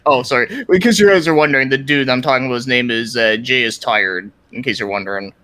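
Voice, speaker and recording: A man with a medium-pitched voice speaks quickly in a bright, forceful tone, with no echo. He's a YouTube content creator appearing as a podcast guest, rambling informally about his projects and gaming, sprinkling in lots of "like," other filler words, and mild swearing.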